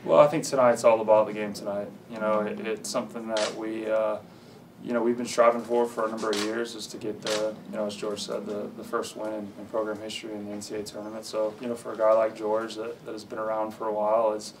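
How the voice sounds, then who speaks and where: A man in his thirties, a head coach, answering press questions in a measured way with many fillers and restarts, in an indoor press room. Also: on the low side, level tone, recorded from a distance, a little hiss or hum, rough recording. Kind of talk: postgame press conference answers.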